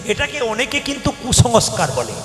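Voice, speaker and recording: Brief: high-pitched male preacher, storytelling, acts out lines and bursts into emphasis, roomy echo with faint music. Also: sing-song, normal speed, fairly bright tone. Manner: storytelling, acts out dialogue, sudden emphatic outbursts. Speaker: kirtan singer and preacher. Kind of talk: devotional sermon to a live audience. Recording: echoey hall, music behind.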